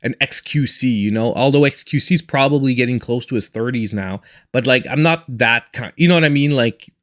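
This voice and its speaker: A man's voice: mid-range voice, a little fast, a bit bright. A man in his forties chatting casually and in a reserved way while he live-streams a game as host. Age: 40s.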